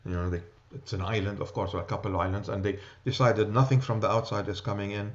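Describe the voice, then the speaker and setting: A man's voice: fairly low pitch, fairly even intonation, quick pace, muffled recording. A man with a New York accent teaching an adult church class, talking loosely and checking in with "okay?" and "right?". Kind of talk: church class lecture with discussion.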